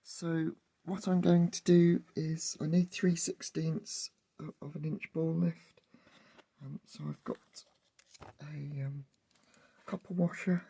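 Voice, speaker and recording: A hobbyist with a wheezy, husky voice narrates workshop work casually. The delivery is halting and full of thinking aloud, with a gravelly creak from a sore, hoarse throat. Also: mid-range voice, level tone, mellow, dry recording. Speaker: host of a hobby workshop channel.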